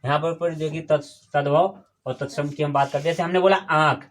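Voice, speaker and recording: A male teacher with a notably high voice runs a classroom lesson. He keeps firing questions at the class and patiently repeats each key term until it sticks. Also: fairly even intonation, fairly quick. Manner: quizzes the class with call-and-response questions. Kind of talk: classroom Hindi grammar lesson. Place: classroom with students.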